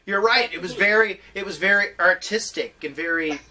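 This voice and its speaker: A man co-hosting a casual comedy podcast about movies, playful and quick to laugh. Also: sits high, distant mic, noisy background. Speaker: podcast co-host.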